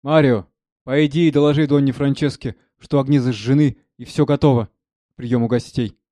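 A man's voice: medium pitch, steady tone, moderate pace, warm tone, no room sound, lightly acted. A man reading aloud, voicing a stout, bossy male steward who barks orders at the servants. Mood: lamenting. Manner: barking orders.

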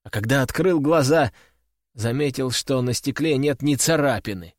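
A man narrating a crime story in an even, measured storytelling manner. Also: medium pitch, dry recording. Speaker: audiobook narrator. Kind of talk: scripted narration. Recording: dry close studio sound, faint music.

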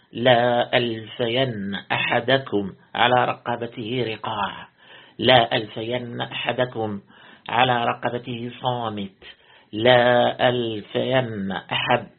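A man, a sheikh, reads a religious commentary aloud as a lesson, in a gravelly voice. He reads steadily, repeating words when he corrects himself. The recording is tinny and lo-fi, like a phone line. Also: medium pitch. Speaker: sheikh reading and explaining a commentary.

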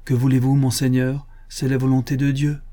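A man's voice: medium pitch, moderate pace, mellow, pitched above the performer's own voice, lightly acted. A man reading an audiobook, voicing a humble, grieving forest keeper who speaks with deference and emotion. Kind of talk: audiobook character voice.

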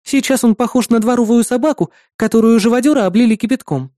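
A man's voice: very high-pitched, fast, mellow, no echo, studio quality, voice pushed up. A man voicing a sly, teasing young woman partner in an audiobook. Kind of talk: audiobook character voice.

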